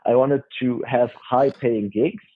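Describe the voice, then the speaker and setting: A man's voice: medium pitch, fairly even intonation, a little slow. A young man in his twenties from France, a podcast guest, talking hesitantly with many restarts. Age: 20s. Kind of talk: casual interview chat. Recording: tinny phone-like line.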